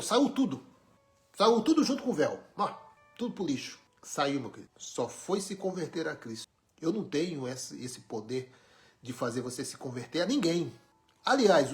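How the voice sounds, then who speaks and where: A man from Brazil, preaching an informal sermon with emphatic, wry rhetorical questions. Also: fairly high pitch. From Brazil, born in Pernambuco, raised in São Paulo.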